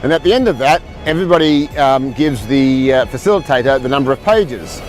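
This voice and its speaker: A man's voice: mid-range voice, lively intonation, fairly quick, faint music behind. Australian man telling his story, rambling. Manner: rambling, repeats words, many fillers. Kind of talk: personal storytelling talk.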